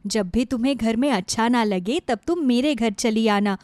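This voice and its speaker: A woman voicing a steady widowed neighbour in a storybook tale, speaking in a calm, comforting way. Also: on the high side, normal speed, no room sound, lightly acted.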